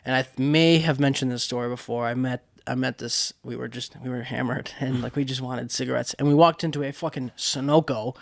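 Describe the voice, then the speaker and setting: A man's voice: mid-range voice, steady tone, a little fast, gravelly, hardly any pauses. A man co-hosting a podcast, telling a story in casual chat, rambling with many restarts and frequent swearing. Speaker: podcast co-host.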